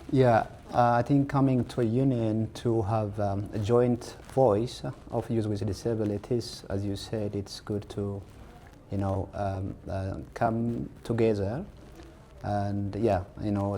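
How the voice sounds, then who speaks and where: A man's voice: fairly low pitch, warm tone, a little hiss or hum. A man moderating a fireside chat interview, phrasing his questions hesitantly.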